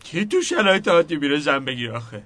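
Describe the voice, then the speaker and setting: A stern old father, barks orders and scolds his son in a gruff, commanding way. His voice is bright and cutting and sits somewhat high. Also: big pitch swings. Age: older. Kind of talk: comedic TV drama acting.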